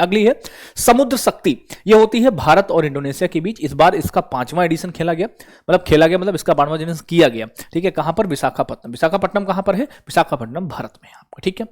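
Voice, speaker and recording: A man teaching exam prep, who keeps asking the viewer questions and answering them himself. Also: fairly high pitch. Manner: repeats questions to the viewer and answers them, calls listeners brother.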